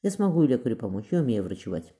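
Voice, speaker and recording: A determined young woman who speaks firmly and plainly, as a male reader voices her. Her lines come quickly, in a dark, low voice. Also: sing-song, close to an everyday voice. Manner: firm, determined. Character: resolute young woman, strong-willed heroine.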